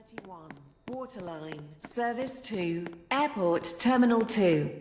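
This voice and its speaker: A woman making formal, measured train station announcements over a public address system. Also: medium pitch. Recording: echoey loudspeaker in a large hall.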